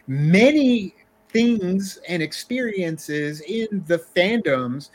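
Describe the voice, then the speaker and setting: A man with a slightly raised pitch, talking in a loose, animated way on a podcast. He laughs easily, gets loud when excited, and lets sentences trail off as he goes. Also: extremely slow. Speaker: podcast guest, co-creator of a YouTube channel. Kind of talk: casual chat.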